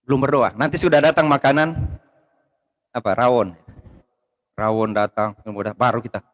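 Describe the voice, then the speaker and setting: A man preaching a sermon with passion, rising to loud exclamations and dropping to low asides, joking casually with the congregation. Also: steady tone, moderate pace, poor audio. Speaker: pastor. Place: church service streamed online.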